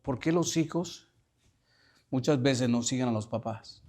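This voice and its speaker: A male priest giving a sermon, asking the congregation questions and repeating lines slowly for emphasis. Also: mid-range voice, warm tone. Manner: questioning the listeners, slow emphatic reading.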